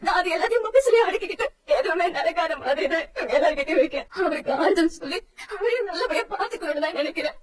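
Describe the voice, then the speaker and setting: An actress playing a young wife who cries as she speaks, her words halting between sobs, on a slightly distant mic. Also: very high voice, expressive. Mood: tearful. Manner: halting, sobbing pleas. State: crying. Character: tearful young wife hurt by her husband. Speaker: serial actress. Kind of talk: TV serial acting. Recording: distant mic, faint background noise.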